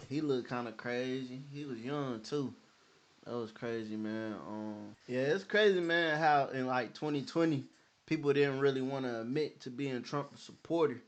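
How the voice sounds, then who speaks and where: A man hosting in a relaxed, casual way, often saying "man" and "bro", signing off to viewers. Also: medium pitch. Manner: laid-back, says "man" and "bro" often. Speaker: host. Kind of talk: casual chat and video outro.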